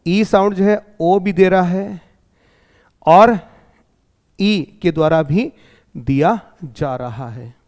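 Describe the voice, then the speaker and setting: An Indian man teaching an exam-prep English lesson, explaining step by step and often asking whether it is clear. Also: high voice, slow, pauses often, darkish tone. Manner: explains step by step, checks in with 'clear?'.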